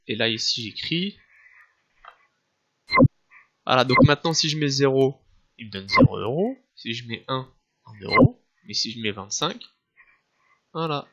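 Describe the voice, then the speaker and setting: A man teaching a screen-recorded software tutorial, explaining step by step with frequent restarts and filler sounds. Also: mid-range voice, lo-fi sound. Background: soft background music.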